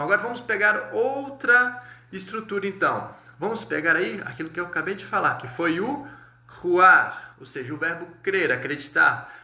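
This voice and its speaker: Man, Brazilian Portuguese accent, French teacher on a live lesson, high bright voice, echoey room. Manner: explains step by step, often checks in with viewers; slows down to say French words slowly and clearly.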